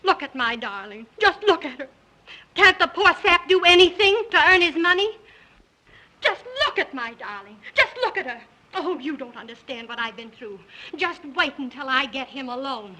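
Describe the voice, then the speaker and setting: An actress playing a spoiled, scornful wife in a 1930s film, melodramatic and exclamatory. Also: female voice, sits high, expressive, moderate pace, bright, forceful tone, rough recording. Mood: indignant. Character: spoiled, scornful wife who babies her dog. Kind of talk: early 1930s film acting.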